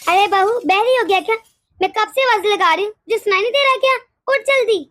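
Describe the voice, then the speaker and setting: Shrill nagging mother-in-law. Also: normal speed, slight background noise. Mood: scolding. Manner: nagging, scolding, sharp-tongued. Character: harsh scolding older mother-in-law. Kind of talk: animated storybook voice acting.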